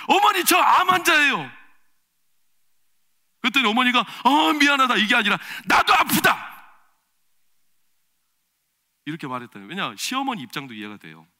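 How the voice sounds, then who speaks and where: Bright-voiced preaching pastor, man. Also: sits high. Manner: swings between loud emphatic preaching and quiet confiding storytelling. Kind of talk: sermon. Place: church sanctuary.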